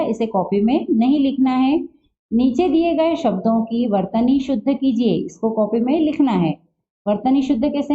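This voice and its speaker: A woman teaching a school Hindi lesson, patiently asking questions and answering them herself, spelling words out slowly, on a dull lo-fi recording. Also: fairly high pitch. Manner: patient, asks and answers her own questions. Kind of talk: classroom lesson walkthrough. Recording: dull lo-fi sound.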